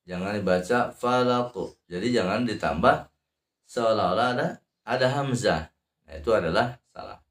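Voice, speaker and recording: A man with an Indonesian accent teaching Quran recitation rules. He explains slowly and haltingly with many fillers, and between explanations he chants verses in long, drawn-out phrases. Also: lowish voice, echoey room. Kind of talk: tajwid lesson with chanted recitation examples.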